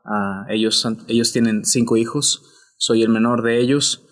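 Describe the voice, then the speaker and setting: A Mexican man, a priest, talking about his life in a podcast interview in a reflective, unhurried way, often restarting his sentences. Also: medium pitch, fairly even intonation.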